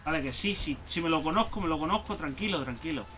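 A man with a Spain Spanish accent giving let's play commentary, excitable and swearing and shouting at the game. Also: on the high side, fast talker. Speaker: gaming YouTuber. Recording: game music and sound behind voice.

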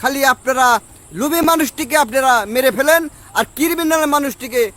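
Very high, sharp-voiced Bangladeshi man, belligerent intoxicated street rambler, faint street noise behind. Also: normal speed. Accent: Bangladeshi Bengali. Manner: rambling, belligerent intoxicated rant, repeats himself insistently. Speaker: street interviewee. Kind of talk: street interview rant. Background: outdoor traffic and street ambience.

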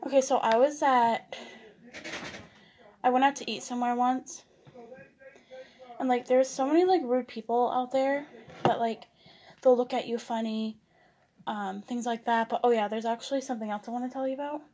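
A woman's voice: a little high, steady tone, normal speed, pauses often, warm tone. A young woman vlogger chatting casually while eating, rambling with lots of fillers and restarts.

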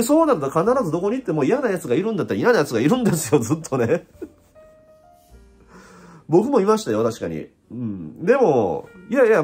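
A man with an Osaka accent gives a casual spiritual talk, swinging his pitch up and down. His voice is somewhat husky, and he jokes and laughs as he goes. Faint music plays behind him. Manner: animated, joking, laughs often. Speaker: host.

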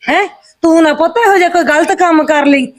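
A woman's voice: very high voice, fairly quick. An actress playing a worried village mother who earnestly lectures her son. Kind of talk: village short-film acting.

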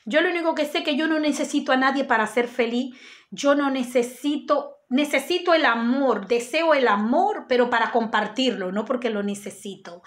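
A woman's voice: sits high, moderate pace. A woman gives a spiritual self-help talk. She speaks earnestly and straight to her viewers, and she circles back to the same points again and again. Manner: earnest, repetitive, addresses viewers directly. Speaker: spiritual guide.

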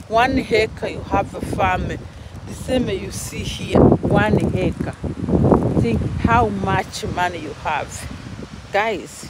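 A middle-aged woman with a Burundian accent speaks slowly into a phone outdoors. Her delivery is casual and emphatic, with words often repeated for weight. Wind and rustling make the recording noisy. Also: mid-range voice. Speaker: vlogger. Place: outdoors, walking in a forest. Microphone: phone at arm's length.

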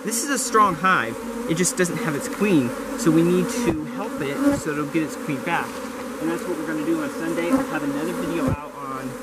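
A man's voice: fairly high pitch, a little fast. A young man vlogging outdoors on his homestead, explaining his beehives in a rambling way that keeps correcting itself. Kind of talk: casual vlog narration. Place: outdoors in a garden among bushes and beehives. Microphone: camera mic, handheld or close framing. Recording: outdoor camera audio with insect noise. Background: buzzing bees and insects.

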